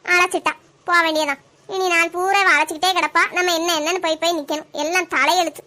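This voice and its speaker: A woman's voice: extremely high pitch, fairly even intonation, fast talker, sharp tone. Scheming nagging mother-in-law. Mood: scheming mutter. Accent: Kanyakumari Tamil. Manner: grumbling, scheming muttered asides. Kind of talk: cartoon voice acting.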